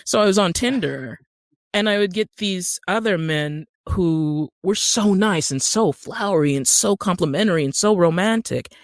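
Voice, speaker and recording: Speaking at a normal speed in a lowish voice, this Utah-born woman, middle-aged, tells stories emphatically and conversationally while guesting on a podcast. She works as a screenwriter and actor, and the studio recording is clean with no echo.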